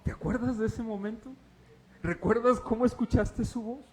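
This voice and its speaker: A man with a high-pitched voice preaching a sermon. He drops into hushed, low stretches, then rises into excited exclamations and speaks straight to his congregation. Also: moderate pace. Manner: swings between hushed low passages and raised, excited preaching; exclaims and addresses the congregation directly. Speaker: pastor.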